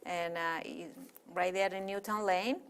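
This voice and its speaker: A woman's voice: fairly low pitch, fairly even intonation, unhurried, clean tone. A middle-aged woman from Chile with a Chilean Spanish accent, a Spanish native speaker, talking as an interview guest in a chatty, rambling way with many fillers.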